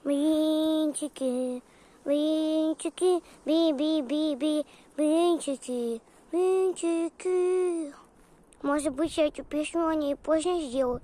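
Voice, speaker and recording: A woman's voice: sits high, fairly even intonation, brisk, hardly any pauses, a little mellow, close to an everyday voice. A woman voicing a playful, chatty talking corgi puppy in a childlike, rambling and singsong way for an improvised pet vlog.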